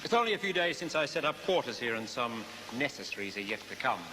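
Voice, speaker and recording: A man's voice: medium pitch, big pitch swings, fast, in a large hall, background noise, natural voice. A man playing a menacing, vengeful London barber who hides behind formal courtesy, in theatrical stage dialogue. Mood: obsequious.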